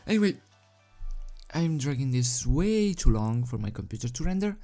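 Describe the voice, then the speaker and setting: A video host who reads fan fiction speaks into a desk microphone with no pop filter, music running underneath. Her mid-range voice is mellow yet very animated, her manner hesitant, halting and self-deprecating. She starts with casual rambling chat, then moves into storybook narration.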